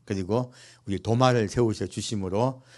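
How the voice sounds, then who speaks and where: Preaching in a church, a pastor poses rhetorical questions to the congregation and adds playful jokes along the way. He is male, with a fairly low, slightly mellow voice at a moderate pace.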